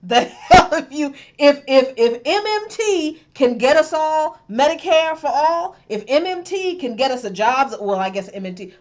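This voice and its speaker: A woman with a slightly high voice talks politics with a co-host. She is animated and conversational, with a ready laugh behind her words. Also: moderate pace, few pauses. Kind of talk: political commentary chat.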